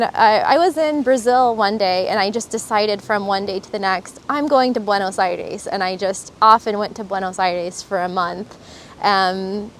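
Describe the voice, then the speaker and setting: A woman from Florida shares her thoughts on travel in a casual, reflective vlog, earnest and enthusiastic in a mid-pitched voice. She is recorded outdoors, with a faint wash of ambient noise under her voice. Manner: earnest and enthusiastic, with some fillers. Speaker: travel vlogger.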